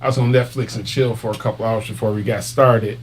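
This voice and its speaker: A man's voice: fairly low pitch, steady tone, a little fast. A middle-aged man, hosting a live podcast in loose, chatty talk with easy laughs. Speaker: podcast host. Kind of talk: casual live-stream chat. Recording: faint hum behind.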